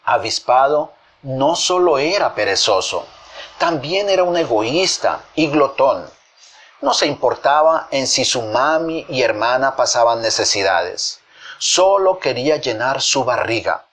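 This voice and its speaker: A man's voice: medium pitch, animated, a little slow, a bit bright. A man narrating a children's fable, speaking expressively and addressing his young listeners. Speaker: storyteller.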